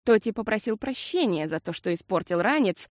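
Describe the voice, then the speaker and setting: A woman narrating a children's storybook in a lively, expressive reading. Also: mid-range voice, brisk, no echo, clean studio sound.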